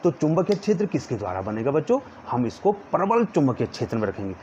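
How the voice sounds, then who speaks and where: A man teaching a physics lesson to students, slowly dictating notes and pointing at a diagram as he explains. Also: mid-range voice, sing-song, mellow. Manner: calls students "children" in nearly every line, repeats words slowly for dictation. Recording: dull lo-fi sound with faint background noise.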